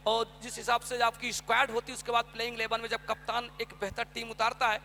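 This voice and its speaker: A man giving excited live cricket commentary, with exclamatory, drawn-out calls as play unfolds. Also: very high-pitched, slight background noise.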